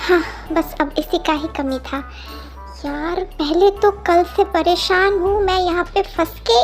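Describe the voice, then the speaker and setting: Stern male vampire boss, put on by a woman, commanding and scolding, high thin voice. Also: unhurried. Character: bossy male vampire office boss, short-tempered. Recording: faint music behind.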